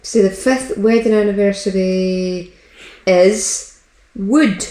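A woman's voice: mid-range voice, slow, noisy background. A woman co-hosting a podcast with dry, teasing banter, picked up by a laptop's built-in microphone. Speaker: podcast co-host. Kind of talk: casual banter. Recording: echoey room through laptop microphone.

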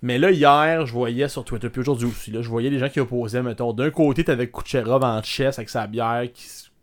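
A man with a Québécois French accent, co-hosting a podcast in casual chat, animated and joking with loud outbursts. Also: medium pitch, brisk. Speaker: podcast co-host.

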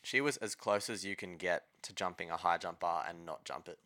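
Man, Australian accent, low-pitched, forward bright tone, colloquial sports podcast chat. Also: brisk. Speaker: podcast co-host.

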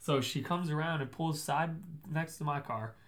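A young woman telling a story in casual chat, animated and full of fillers. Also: deep voice, normal speed. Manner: animated, laughing, lots of fillers. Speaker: co-host.

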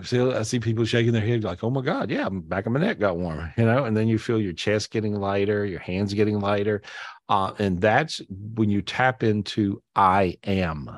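A spiritual teacher and podcast host with a low-leaning voice hosts a live spiritual talk over video, the audio clean studio sound with no room tone. Easygoing and enthusiastic, he's repetitive and chatty, restarting sentences with "and so" and drawing out emphatic words.

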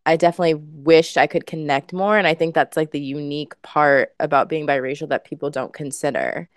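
A woman with a notably low voice shares her thoughts on a casual podcast in an earnest, measured, reflective way. The sound is close and dry, with no room around it. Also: fairly even intonation, no room sound. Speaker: podcast co-host.

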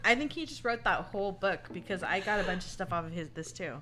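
A woman co-hosting a podcast in casual, playful, animated banter. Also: mid-range voice, quick pace, heavy background noise. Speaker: podcast co-host.

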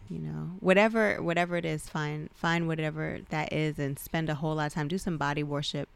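A woman's voice: low voice, fairly even intonation, brisk, gravelly, clean tone, dry recording. A woman co-hosting a podcast in casual chat, frank, profane and joking. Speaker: podcast co-host.

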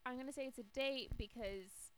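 A woman's voice: high voice, moderate pace, a bit bright, slight background noise, rough recording. A young woman from North Carolina, co-hosting a podcast and telling stories in casual chat, acting out what people said. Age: young adult. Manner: storytelling, acts out quotes. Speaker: podcast co-host.

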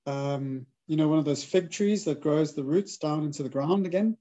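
A man hosts a gentle spiritual conversation, talking earnestly and agreeing often. His voice sits fairly high, with a warm, mellow tone. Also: moderate pace, rough recording. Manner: soft affirming backchannels, earnest. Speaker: podcast host.

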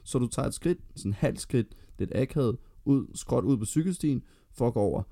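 A man's voice: medium pitch, animated, dark tone. A Danish man co-hosting a podcast in casual chat, arguing his point and telling long anecdotes. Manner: argumentative, tells long anecdotes. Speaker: podcast co-host.

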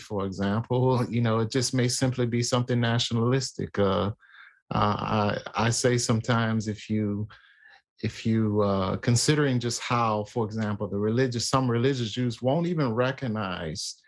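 A man in casual conversation about faith, talking in a halting way with many fillers and restarts. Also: mid-range voice, steady tone.

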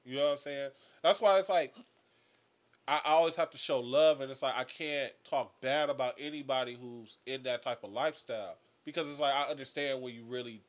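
A man co-hosting a casual podcast who talks in an earnest, reflective way, thinking out loud. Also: mid-range voice, a little fast. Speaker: podcast co-host.

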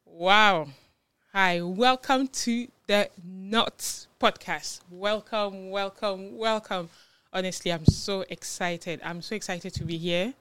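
A woman in her thirties from Ghana, hosting and opening her own podcast in a bubbly, excited way. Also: fairly low pitch, a little slow, few pauses, clean tone, no room sound. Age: 30s. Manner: bubbly and excited, with laughs and fillers. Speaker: podcast host. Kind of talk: casual solo podcast intro.

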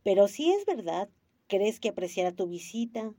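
A woman's voice: mid-range voice, very animated, warm tone, no echo. A woman voicing a sour, grumbling man in a waistcoat, reading a storybook aloud. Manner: sour, slow and disdainful.

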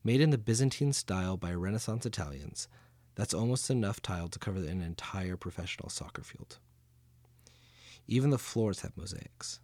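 Low-ish guy doing a jokey audio tour guide thing, casual and chatty, super dry close mic. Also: lively intonation, normal speed, a little mellow, no room sound. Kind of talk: scripted audio tour narration.

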